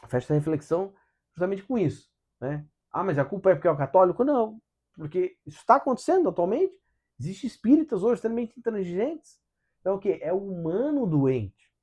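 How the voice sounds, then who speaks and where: A man's voice: sits high, a little mellow, slightly rough. A man hosting a casual spiritual book study in Brazilian Portuguese, talking with animation, asking rhetorical questions and acting out quotes in different voices.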